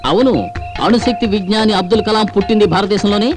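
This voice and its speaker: A man's voice: high voice, steady tone, fast, over music, natural voice, rough recording. An actor playing a cocky, wisecracking young man in a film comedy scene. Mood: cheeky. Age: young adult. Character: cheeky young man, boastful joker. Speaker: friend's son visiting an older man.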